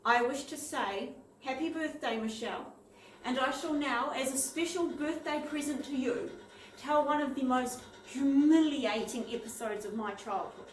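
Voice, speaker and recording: A woman's voice: sits high, normal speed, far from the mic. A woman telling a funny childhood story in a self-mocking way. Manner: lively, self-mocking, lightly amused. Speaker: vlogger. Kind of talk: personal anecdote storytelling. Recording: roomy echo, off-mic, faint noise.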